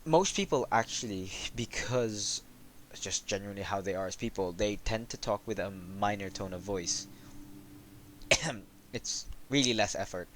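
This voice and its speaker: A man hosting a casual chat about developing a game, talking in a monotone with lots of halting fillers. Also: fairly low pitch, slight background noise.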